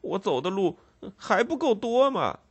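A man voicing a ragged homeless boy who pleads while crying, his voice cracking high and breathless. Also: sing-song, unhurried, breathy edge, full character voice. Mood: sobbing, desperate.

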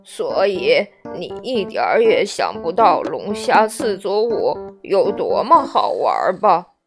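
A woman voicing a sad, slow-talking male mock turtle in a children's storybook reading, with soft music behind. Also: fairly low pitch, very animated, voice pushed down, exaggerated voice. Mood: mournful. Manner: slow and mournful.

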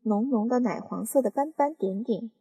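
A woman reading a children's book aloud in a calm, measured manner. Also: fairly high pitch, breathy edge. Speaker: storyteller.

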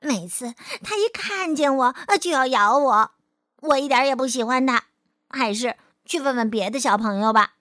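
A woman voicing an excitable, chattering toy teddy bear in a storybook. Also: high-pitched, moderate pace, no room sound, clean studio sound. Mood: excited.

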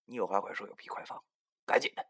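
A man's voice: low voice, steady tone, fairly quick, a bit bright, no echo, studio quality. Man doing blunt older rogue, curt, rude, cursing, storybook figure. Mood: brusque, rude.

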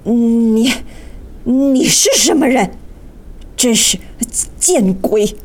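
A woman's voice: a little high, animated, slow, a little mellow, husky, full character voice. A woman voicing an angry old sorcerer, snarling. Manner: snapping, growling questions. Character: grumpy old male sorcerer, hot-tempered.

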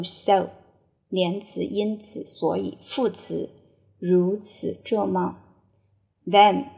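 A woman teaching English vocabulary in Chinese, saying each word three times slowly before giving its meaning. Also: medium pitch, creaky, mellow. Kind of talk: slow word-by-word spelling and dictation drill.

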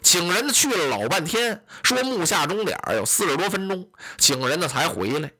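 A man telling a traditional story in a lively, colloquial, animated way. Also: sits high, moderate pace, slightly rough.

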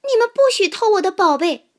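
A woman voicing a possessive little squirrel in a storybook, high and shrill. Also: a little slow. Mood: indignant.

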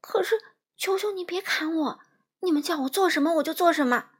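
A woman voicing a timid, bald little old man wizard who trembles and pleads in a hushed voice. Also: high-pitched, lively intonation, normal speed, breathy edge, heavily acted. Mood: pleading.

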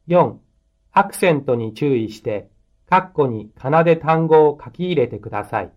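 A man narrating scripted language textbook exercises, dictating instructions and items one by one in a measured way. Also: on the high side, expressive, darkish tone. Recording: dull lo-fi lesson tape.

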